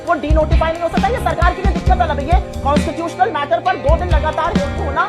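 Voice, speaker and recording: Woman spokesperson on a tv debate, really high voice, forceful, listing stuff. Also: fairly even intonation, fast talker, loud music behind the voice. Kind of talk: TV debate argument.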